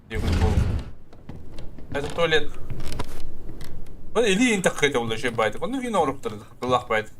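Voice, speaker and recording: A man's voice: mid-range voice, very animated, moderate pace, long pauses, noisy background. A man doing casual horror let's-play commentary, nervous and jumpy, muttering and swearing to himself as he reacts to the game.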